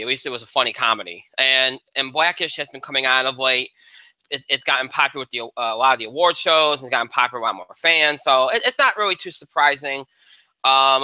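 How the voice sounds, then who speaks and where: A man's voice: medium pitch, pushed and bright, no echo, rough recording. A man hosting a casual talk show, analyzing award winners in a rambling way with many restarts. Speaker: podcast host. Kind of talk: casual chat.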